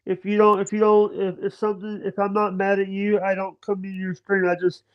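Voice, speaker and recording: A man in his thirties chatting on a livestream video call, talking in halting bursts with many stammers and restarts. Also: high voice, completely flat delivery, clean tone. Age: 30s. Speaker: livestream guest. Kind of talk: casual chat. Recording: dull lo-fi stream audio.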